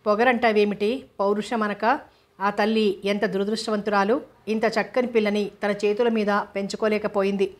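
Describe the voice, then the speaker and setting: A woman voicing a kind, gentle orphanage warden, soothing and patient. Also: mid-range voice, level tone, normal speed, lightly acted.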